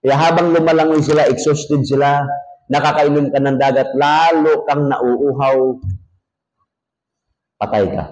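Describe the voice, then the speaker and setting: Male pastor, Filipino accent, folksy sermon, joking with the congregation, fairly high voice. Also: measured pace, pauses often, low-quality recording. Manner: rises to a near shout reading scripture. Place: air-conditioned church.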